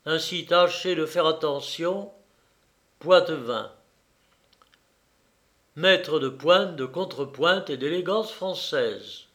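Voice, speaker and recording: A man voicing an excitable, boastful fencing master in an audiobook, loud and theatrical. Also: a little high, takes it slowly, pauses often. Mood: eager. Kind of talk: audiobook character voice.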